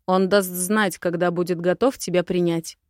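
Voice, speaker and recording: A woman's voice: lowish voice, steady tone, normal speed, darkish tone, dry recording, clean studio sound, lightly acted. Woman voicing a smug teasing young huntsman. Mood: cold. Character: brash teasing young male huntsman-steward.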